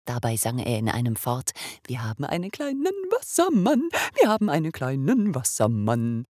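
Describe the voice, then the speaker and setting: A woman reading a children's story aloud, expressive and animated, sometimes dropping to a whisper. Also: very deep voice, husky, dry recording, clean studio sound.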